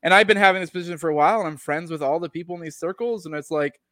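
A man's voice: fairly high pitch, racing, a bit bright, no echo, clean studio sound. A man from Maine co-hosting a podcast, talking in a loose, opinionated way, laughing often and swearing casually. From Maine, United States. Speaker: podcast co-host. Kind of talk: casual conversational podcast chat.

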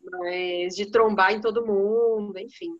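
A woman chatting casually on a podcast, quick and self-deprecating. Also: medium pitch, steady tone. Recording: slightly dull, muffled sound.

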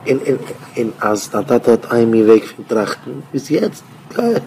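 A rabbi speaks in an informal, rambling Torah talk, now and then breaking into louder bursts. His voice is dark and mellow, in a middling pitch for a man, with a faint hiss of noise behind it. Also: moderate pace.

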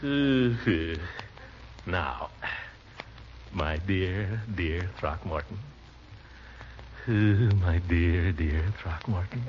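An actor playing a blustering, vain middle-aged uncle in a 1940s radio comedy, pompous, flustered and given to chuckling. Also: male voice, fairly high pitch, very animated, brisk. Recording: muffled, hissy 1940s radio recording.

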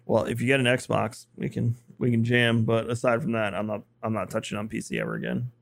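Rambling, laughing podcast host. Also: male voice, mid-range voice, little pitch movement, fairly quick, vocal fry, no room sound. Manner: rambling, many restarts, laughs often. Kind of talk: casual chat.

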